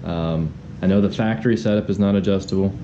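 A young man talking casually about his motorcycle, filling pauses with ums, recorded on an action camera. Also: low voice, lo-fi sound. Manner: relaxed, with frequent ums. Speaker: motorcycle vlogger. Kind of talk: casual vlog narration. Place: garage, then inside a truck on the road. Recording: camera mic with road and engine noise.

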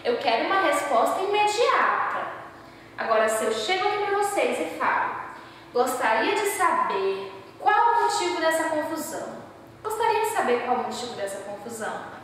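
A Brazilian woman teaches a recorded grammar lesson with a high, clear voice, walking through each example slowly and checking in with her students. She sounds set back from the mic in a strongly echoing room with a long tail of reverb. A faint hum of room noise sits underneath. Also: fairly bright tone, distant mic. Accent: Brazilian Portuguese. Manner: explains step by step with frequent "né?" and "observe".

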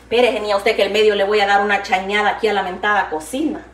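A woman's voice: medium pitch, fairly even intonation, fast. An older woman, chatting affectionately to camera in her home kitchen, upbeat and laughing often. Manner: chatty and affectionate, calls viewers "niña" and "hija linda". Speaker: vlogger. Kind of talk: casual chat to camera while cooking. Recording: echoey room, mic at some distance.

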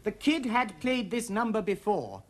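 A man's voice: high voice, sing-song, normal speed. An actor playing a prim, churchy young airman who gets flustered reading racy pages aloud in a sitcom. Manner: prim, easily embarrassed. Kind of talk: 1970s sitcom acting. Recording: noisy TV recording with audience laughter.

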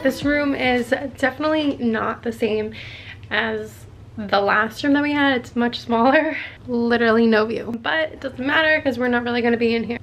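A young adult woman with a high, somewhat bright voice chats loosely about her day for her travel vlog, filling her talk with filler words. She's in a small hotel room, camera held at arm's length, and a little hiss or hum sits under the recording.

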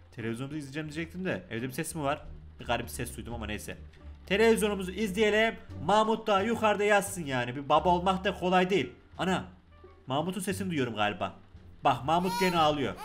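A young man with a Turkish accent giving joking, excitable let's-play commentary, talking loudly to the game's baby. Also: fairly high pitch. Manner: loud, joking, excitable, talks to the game baby. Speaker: gaming YouTuber.

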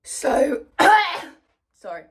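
This British vlogger in her twenties, a personal trainer from the United Kingdom, talks through her day in a very animated but very slow, high voice, rambling and self-deprecating, with faint music behind her. It's a casual day-in-the-life vlog filmed on a phone propped up at home and at a gym.

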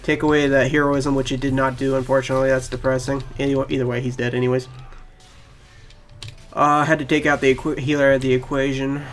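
A young man giving rambling, excitable live commentary on his own gameplay and talking to his viewers. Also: mid-range voice, fast. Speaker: gaming channel host. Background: keyboard typing.

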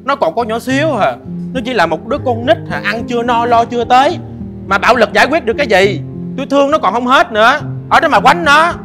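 A woman's voice: fairly high pitch, expressive, fast, lightly acted. An actress playing a stepmother in a comic web drama, emotionally pleading that she loves her husband's child. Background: background music.

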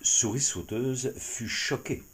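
A man narrating a children's animal tale in an expressive storytelling style. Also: medium pitch, slow.

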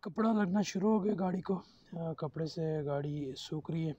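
A man in his thirties offers loose, informal vlog commentary sprinkled with English terms, filmed both inside a car and while cycling outdoors on a track. His slightly high, husky voice moves at a moderate pace, and the dull audio has no echo but carries steady vehicle and outdoor noise.

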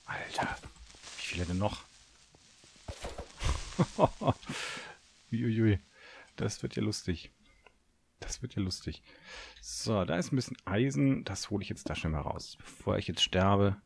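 A young German gamer narrates his play, fretting aloud and cursing at monsters. His voice is low and gravelly, with big swings in pitch. A faint hiss and mouse clicks sit under his desk microphone. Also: expressive, normal speed. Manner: nervous, swears at monsters, talks to himself. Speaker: gaming video host. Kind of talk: Let's Play commentary.

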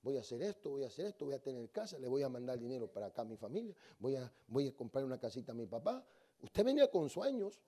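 A man preaching a lively sermon in a church, telling funny stories and moving between quiet asides and loud calls to the congregation. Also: medium pitch, fast talker. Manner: storytelling, swings between soft asides and loud exhortation. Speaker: guest preacher. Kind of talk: lively Spanish-language sermon with humorous anecdotes. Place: church sanctuary.

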